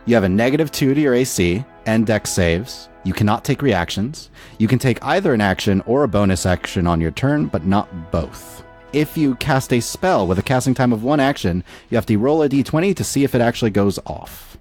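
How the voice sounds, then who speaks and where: Animated man running a tabletop game. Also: medium pitch, a little fast, soft background music. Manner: lively storytelling, laughs often. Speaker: game master.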